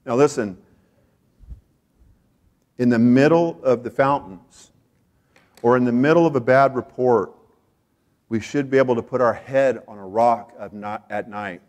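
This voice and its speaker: With a medium pitch and a measured pace, an American pastor preaches, pausing often. He repeats phrases for emphasis and shifts from soft asides to loud, excited peaks.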